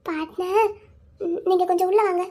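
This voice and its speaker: A voice actor playing a gentle young wife in a cartoon story, coaxing and questioning her husband. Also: very high-pitched, fairly even intonation, normal speed.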